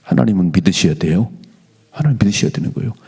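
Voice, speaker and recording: A middle-aged male pastor giving an animated dawn prayer sermon in a church, slowing down whenever he reads scripture aloud. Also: low-pitched, creaky, slightly rough. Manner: animated preaching, slows to read scripture aloud. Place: church sanctuary.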